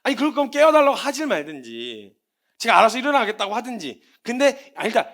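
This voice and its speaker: A man preaching a sermon as a missionary, animated and acting out everyday scenes. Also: very high-pitched, quick pace.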